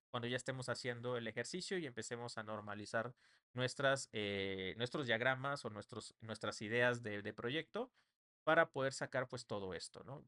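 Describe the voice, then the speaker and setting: A young man teaches a live online class, checking in with his listeners through short tag questions as he explains. His voice sits at a medium pitch and his delivery stays conversational. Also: fairly bright tone. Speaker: online workshop instructor. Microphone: computer mic on a live stream.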